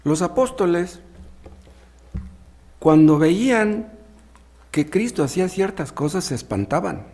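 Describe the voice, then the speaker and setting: A man's voice: high-pitched, animated, slow, pauses often, darkish tone. A man preaching a sermon, reading Bible passages aloud and explaining them in plain words with rhetorical questions. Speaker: pastor.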